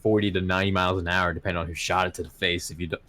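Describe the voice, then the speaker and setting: A young man with a deep, low voice and a New York accent talks easily as a podcast guest. He tells stories with relaxed enthusiasm, opening with a casual "yo". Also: rapid-fire, a little hiss or hum. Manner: laid-back, enthusiastic storytelling with frequent "yo".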